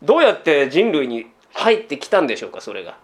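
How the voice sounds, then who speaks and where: Lively high-voiced man preaching. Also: quick pace. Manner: conversational preaching full of rhetorical questions; tags sentences with a trailing "this". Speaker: pastor. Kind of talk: sermon.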